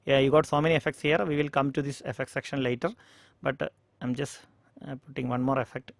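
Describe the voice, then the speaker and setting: A man with an Indian English accent walking through audio interface settings in a tutorial, pausing often for mic checks and fillers. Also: medium pitch, steady tone, vocal fry, no room sound. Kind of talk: screen-recorded software tutorial. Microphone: studio microphone.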